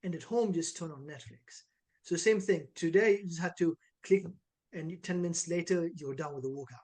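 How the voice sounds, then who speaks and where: With a fairly high pitch and a normal speaking speed, this Israeli man in his twenties sounds upbeat and casual as he's interviewed about online fitness coaching. His speech is full of "like" and "right" tags.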